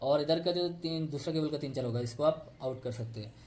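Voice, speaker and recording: A man's voice: on the high side, brisk, darkish tone, slight background noise. A man explaining step by step how fiber optic cables are tapped and connected, pointing to a diagram he drew. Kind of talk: technical tutorial.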